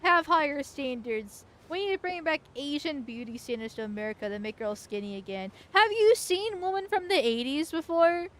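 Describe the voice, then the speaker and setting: High-pitched blunt woman gamer commentating. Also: normal speed, hardly any pauses, a bit bright. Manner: blunt, crude, irreverent. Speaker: game streamer. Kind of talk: casual gameplay commentary.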